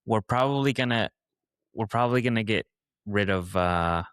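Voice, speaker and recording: A man's voice: on the low side, moderate pace, a bit bright, smooth, dry recording, studio quality. A man co-hosting a casual football podcast, rambling and thinking aloud with fillers. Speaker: podcast co-host.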